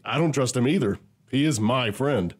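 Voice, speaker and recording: An actor playing a cocky, dismissive smuggler with a brash, offhand delivery in a sci-fi audio drama. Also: male voice, mid-range voice, normal speed, lightly acted.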